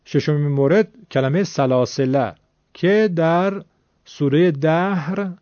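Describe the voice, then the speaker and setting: A man's voice: fairly high pitch, darkish tone. A man teaching recitation rules in a patient, step-by-step way, saying each example word aloud to show how it sounds. The recording is dry and close with no room echo. It sounds slightly muffled, as if the top end is missing. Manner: explains rules step by step, models pronunciations. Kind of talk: instructional lesson.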